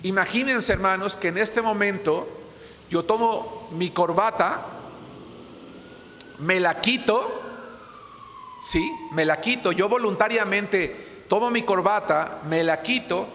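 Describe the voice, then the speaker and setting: A man's voice: sits high, lively intonation, slow, pauses often, a bit bright, a little hiss or hum. A man preaching a sermon, earnest and repetitive, often calling out to his listeners as brothers. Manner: earnest, repeats phrases and addresses the congregation as brothers. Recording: long hall reverb.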